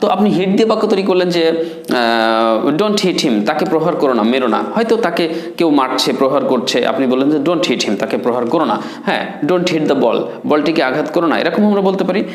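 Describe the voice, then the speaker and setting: A man teaching a spoken English lesson, drilling word forms with slow repetition. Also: on the high side, lively intonation. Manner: repeats words and forms slowly, drills pronunciation. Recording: echoey room.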